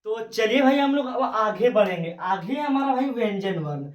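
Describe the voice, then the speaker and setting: A woman's voice: on the high side, animated, moderate pace, recorded from a distance, background noise. A woman teaching a grammar lesson who repeats definitions, stretches out example sounds and keeps checking that listeners follow. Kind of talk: classroom-style grammar lesson. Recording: echoey room, voice from off mic.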